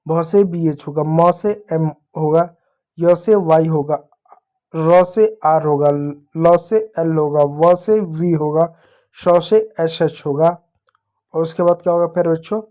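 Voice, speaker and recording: A man with a mellow, dark voice addresses young pupils patiently. He goes over each point more than once and slows right down to spell letters one at a time. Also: fairly high pitch, fairly even intonation. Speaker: English teacher. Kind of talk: explaining to children.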